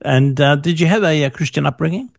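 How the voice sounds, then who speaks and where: A man's voice: on the high side, quick pace, gravelly, no room sound, clean studio sound. An older man filling in as host, asking questions in a chatty, upbeat way. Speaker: show producer filling in as host. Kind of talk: radio-style interview.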